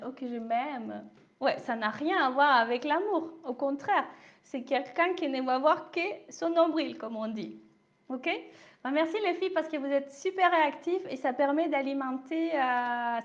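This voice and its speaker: A woman with a high voice and a slight accent gives a live coaching talk. She reassures her listeners and answers them by name, often asking if they follow. The sound is a little dull and lo-fi. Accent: non-native French accent. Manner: reassuring, repeats "d'accord?", addresses viewers by name. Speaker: life coach and shamanism speaker. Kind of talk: live online talk answering viewer questions.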